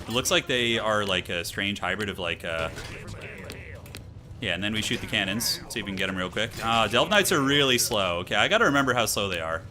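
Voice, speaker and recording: A streamer plays a strategy game over game music, thinking aloud in casual, slangy live commentary. His voice is on the low side with a sharp tone.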